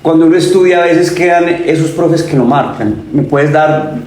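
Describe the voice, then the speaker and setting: A man's voice: a little high, moderate pace, a little mellow. A man with a Colombian accent from Pereira hosting a conversational podcast interview as a university dean, friendly and affirming with short interjections. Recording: echoey room with faint ambience.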